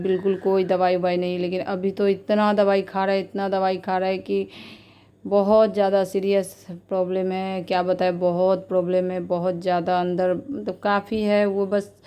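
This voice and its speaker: A woman's voice: medium pitch, mellow, smooth. A woman vlogger in her thirties talking casually and with feeling, often repeating herself. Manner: chatty, repetitive, heartfelt. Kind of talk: casual vlog narration.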